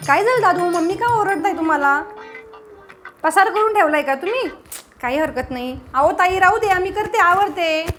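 Brief: very high, sweet woman, coaxing comedy-sketch aunt, soft music behind. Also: lively intonation, normal speed. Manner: sweet, doting, coaxing, with soft short phone replies. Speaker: comedy vlogger acting a new aunt-in-law. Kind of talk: one-sided comedy sketch, talking to unseen family.

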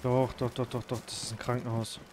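A man commenting on his own survival gameplay, thinking aloud, swearing and breaking into sudden loud outbursts. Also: mid-range voice, flat delivery, fairly quick, a little hiss or hum. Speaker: gaming YouTuber.

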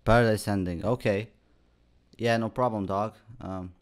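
A young man commentating a horror game, slangy and reacting with sudden loud outbursts. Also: lowish voice, steady tone, normal speed. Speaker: gaming YouTuber.

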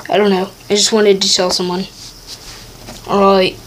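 A woman's voice: medium pitch, little pitch movement, normal speed, a little hiss or hum. A female speaker narrating a playful homemade toy skit in a chatty, rambling way.

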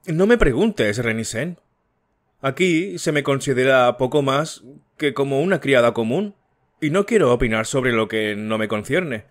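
A man's voice: mid-range voice, expressive, unhurried, natural voice. A man voicing a sly, fearful older woman servant who dodges questions, in an audiobook. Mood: evasive.

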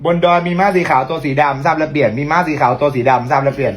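A man's voice: fairly high pitch, rapid-fire, very noisy. A man giving mock police radio reports with sign-offs, as police radio chatter.

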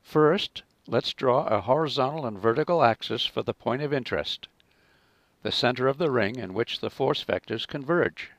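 In a medium-pitched voice with no echo, a man narrates a scripted physics lesson as a teacher, explaining things in a measured way.

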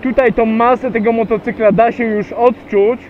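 On a road outdoors, a man rides his motorcycle and chats casually to his vlog audience in a high voice with fairly even intonation. Frequent pauses and little hesitations fill his talk. Through the tinny, narrow helmet mic, faint engine and wind noise can be heard.

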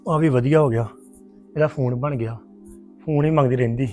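A brisk, coaxing husband , voiced by a woman, talking quickly in a middling voice. Faint music sits behind him in this home drama. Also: a bass voice, mellow. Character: husband bringing home a phone.

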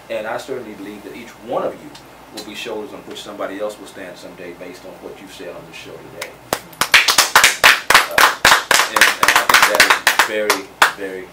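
Earnest man hosting a studio talk show. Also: on the low side. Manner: earnest, encouraging, uplifting. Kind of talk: interview chat. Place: TV studio set. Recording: roomy distant studio sound with noise.

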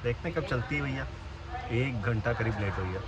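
A man's voice: medium pitch, fairly quick, muffled recording. A young man in his twenties chatting casually to viewers on a phone camera while travelling by train and through busy stations. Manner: chatty, addresses viewers as "bhai" and "bhaiya". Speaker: vlogger. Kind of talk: casual travel vlog narration. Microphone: phone held at arm's length. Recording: phone vlog with loud traffic noise. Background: loud train and street noise.

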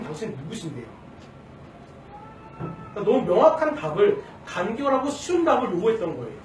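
Lively, high-voiced young pastor preaching. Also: male voice, slight background noise. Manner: conversational, asks the congregation questions; acts out quoted lines with shifting tone. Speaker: junior pastor. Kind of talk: sermon. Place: church sanctuary. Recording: roomy church sound from a distant mic.

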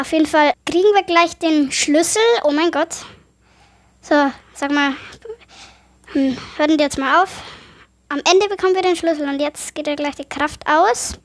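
A woman commentating a horror game let's play, chatty and easily startled, her voice a little affected by being sick. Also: high-pitched. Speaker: gaming YouTuber.

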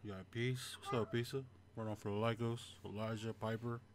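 A man's voice: lowish voice, level tone, brisk. A man hosting a casual livestream, laid-back and greeting viewers by name. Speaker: channel host. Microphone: desk microphone.

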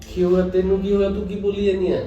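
A man's voice: high-pitched, monotone, fast talker, dark tone, dull audio, natural voice. A man playing a sullen drinking husband. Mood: defensive. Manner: sullen, complaining. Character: bitter hard-drinking young husband, grown son. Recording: echoey room, distant mic, faint music.

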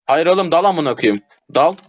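A male gamer talks to his teammate through a match in a slightly high voice. He swears nonstop and breaks into frustrated shouts. Faint noise and clicks sit behind him. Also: expressive, normal speed, highs cut off. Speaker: gamer streamer. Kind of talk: casual gameplay chat with teammate.

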